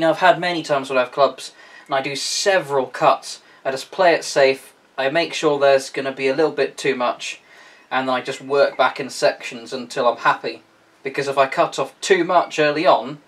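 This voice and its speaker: A man hosting a casual woodworking how-to. He is chatty and self-deprecating, and he explains each step as he works in his home workshop. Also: medium pitch. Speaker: woodworking video host.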